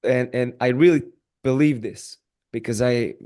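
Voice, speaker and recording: A man hosting a casual podcast interview, halting and full of fillers and repeated words. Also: medium pitch, mellow.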